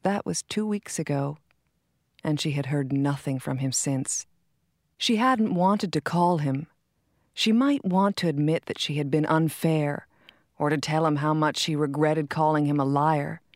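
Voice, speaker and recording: Woman narrator, low voice, calm measured storytelling, dry close sound. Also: no room sound. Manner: calm, measured reading with soft quoted dialogue. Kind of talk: scripted narration of a short story.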